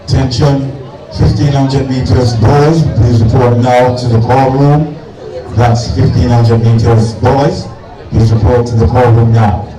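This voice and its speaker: A man's voice: mid-range voice, steady tone. A man making a formal announcement over a stadium PA system at an athletics meet. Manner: formal, measured call-room announcement. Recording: echoey PA sound from far off, crowd and music.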